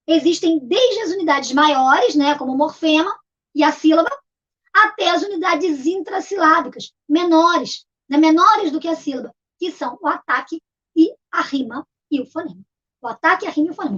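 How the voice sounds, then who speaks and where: A middle-aged woman teaching literacy in a video lesson, her voice sitting high and light. She explains patiently and goes back over each key term. The recording sounds dull and lo-fi. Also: expressive, normal speed, a bit bright. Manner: patient, repeats key terms to explain step by step.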